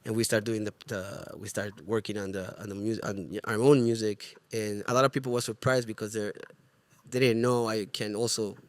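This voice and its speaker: A lowish, steady voice at moderate pace comes from a middle-aged man from Ecuador, a Spanish-accented music producer and artist. He is a guest in a casual interview, sincere and searching for words, and the recording has no room sound.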